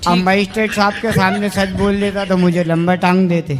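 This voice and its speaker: A man in the audience asking a guru questions with a deadpan delivery. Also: sits high, a little fast. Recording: loud clicking noise.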